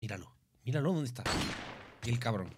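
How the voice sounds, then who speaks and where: A young man from Spain with a Spanish accent, commenting live on his gameplay, excitable, with loud outbursts and cursing. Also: medium pitch, a little fast. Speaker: streamer. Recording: steady background noise.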